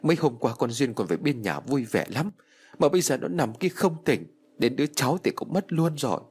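Guy putting on a crying old mom, pleading, voice goes high, audiobook. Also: lively intonation, brisk, darkish tone, breathy edge. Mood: grieving. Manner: wailing, pleading. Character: grieving distraught old mother.

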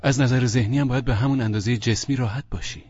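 A man's voice: medium pitch, steady tone, a little mellow, breathy edge, muffled recording, soft background music, lightly acted. A man voicing a blunt, sardonic young man in an audiobook, with curt, teasing lines. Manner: curt, teasing, matter-of-fact. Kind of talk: audiobook character reading.

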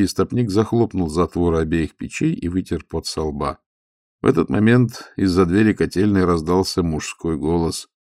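Deep gravelly male audiobook narrator. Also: darkish tone, dry recording, clean studio sound.

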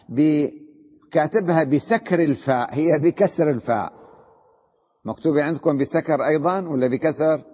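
Husky-voiced sheikh teaching grammar. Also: male voice, fairly high pitch. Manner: reads a text aloud, then explains it, checking understanding with quick questions. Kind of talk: classroom grammar lesson. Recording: dull lo-fi recording in a reverberant hall.

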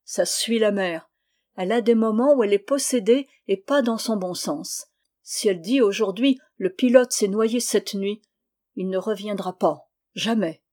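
Woman doing a hoarse old fisherman. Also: mid-range voice, unhurried, mellow, close to an everyday voice. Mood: solemn. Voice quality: hoarse, bellowing. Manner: chuckles "hu, hu" between boasts.

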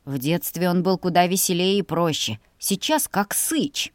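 A woman's voice: lowish voice, moderate pace, no room sound, studio quality, natural voice. Woman doing a grumpy young brother. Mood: grumbling. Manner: grumbling, sulky.

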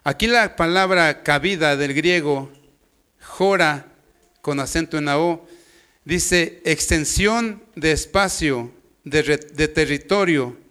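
Preacher guy, slow and easygoing, jokes around, smooth clear voice. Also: fairly high pitch, sharp tone. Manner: homely, joking, storytelling. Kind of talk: informal sermon.

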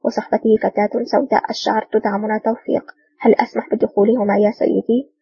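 Woman voicing a polite, official male guard, husky and dry, from a way off the mic. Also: mid-range voice, little pitch movement, fast talker. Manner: formal, polite. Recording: dull distant dry recording.

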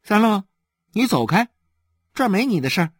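A man voicing a stubborn yet devoted young boy who calls out loudly and quickly, well above his own pitch. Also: big pitch swings, no room sound, clean studio sound. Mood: impatient.

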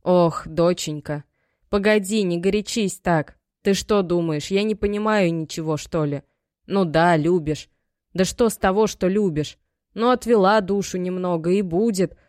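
A woman's voice: fairly low pitch, unhurried, a little mellow, no echo, clean studio sound, lightly acted. A woman voicing an aging, worried mother who scolds and pleads in homely, folksy speech. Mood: pleading. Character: aging worried mother, stern yet loving.

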